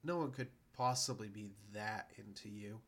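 A tired, injured young girl with a blunt, teasing way of talking, read in a man's fairly low voice. Her lines are quiet and close rather than performed in a high voice. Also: normal speed.

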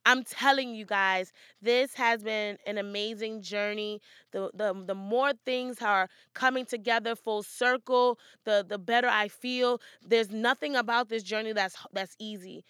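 A woman's voice: a little high, fairly even intonation, measured pace, a bit bright, smooth, no echo, studio quality. A woman hosting her own podcast, talking casually and motivationally to her listeners. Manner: upbeat and motivational, chatty. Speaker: podcast host. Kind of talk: casual solo podcast monologue.

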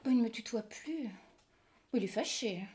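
A woman's voice: fairly high pitch, animated, normal speed, darkish tone, close to an everyday voice. Woman reading a coy country maid. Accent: French. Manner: coy, rustic. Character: naive young country maid.

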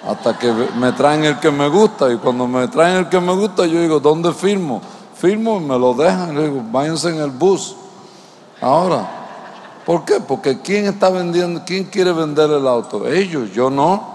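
In a church with long hall reverb, a male pastor preaches, telling stories and putting rhetorical questions to the congregation. His voice is fairly high and darkish in tone, with a slight hiss or hum.

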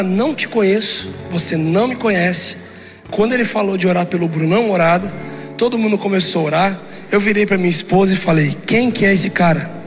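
Animated high-voiced male preacher in a hall. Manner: animated storytelling, acting out dialogue. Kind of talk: sermon with story. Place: church. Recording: church hall reverb with music.

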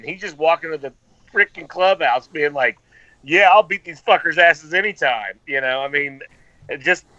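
Male co-host, bright tense voice, excitable and emphatic, a bit dull on the mic. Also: on the high side, no room sound. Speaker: podcast co-host. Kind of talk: casual chat. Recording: slightly dull sound.

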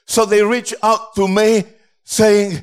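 A man, a pastor, preaching a sermon in short phrases and pausing for an interpreter. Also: high voice, flat delivery, clear, resonant tone. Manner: slow, halting delivery in short phrases.

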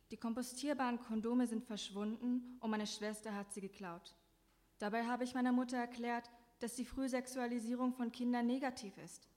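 Woman reading her prose deadpan, kinda high voice, big echoey room. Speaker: author reading her text. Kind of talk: literary reading. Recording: echoey hall.

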